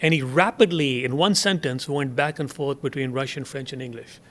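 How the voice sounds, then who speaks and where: A man in his sixties, a guest on an interview show, telling anecdotes in a relaxed, amused way. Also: medium pitch, normal speed. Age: 60s. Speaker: interview guest, investor and writer. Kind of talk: casual interview chat.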